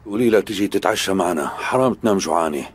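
A man's voice: low-pitched, animated, racing, a little hiss or hum. A man with a Syrian accent acting a caring, fatherly older head of household in a dubbed television drama. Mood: kindly. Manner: fatherly, solicitous.

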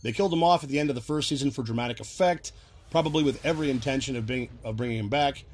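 A man's voice: mid-range voice, very fast, slightly rough. Chatty man explaining references. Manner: chatty, laughs while explaining. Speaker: video host. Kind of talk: casual recap commentary.

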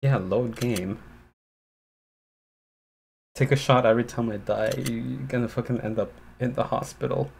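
A man's voice: medium pitch, steady tone, unhurried, creaky, pauses often, a little mellow, a little hiss or hum. A man streaming a horror game live, talking to himself and cursing in panic as he plays. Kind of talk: live gameplay commentary.

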